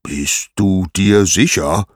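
A man's voice: low-pitched, slow pace, no echo, clean studio sound, voice pushed up. A man voicing Zeus as a mighty, grumpy old god-king suffering a headache, groaning and suspicious. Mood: irritable, aching.

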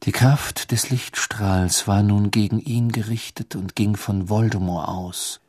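A man with a low voice reads a storybook aloud as narrator, expressive and dramatic. The sound is dry and close, with no room around it. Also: measured pace, dry recording. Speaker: audiobook narrator.

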